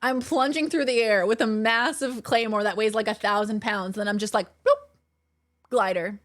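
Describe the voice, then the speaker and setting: A woman chatting casually and playfully as she comments on the game she is streaming, expressive and a bit silly. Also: a little high, normal speed. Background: game music.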